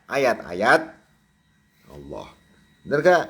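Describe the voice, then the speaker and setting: A man preaching a sermon, chatty and quick to laugh, often checking in with his audience and acting out the cries and prayers of a newborn. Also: medium pitch, big pitch swings, a bit bright, breathy edge. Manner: acts out a newborn's crying and prayers. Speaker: Sufi preacher.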